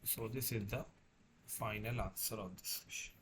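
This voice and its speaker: A man lecturing as a tutor, working through a problem step by step in a halting way, repeating and correcting himself. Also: fairly low pitch, fairly even intonation, background noise. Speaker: engineering tutor.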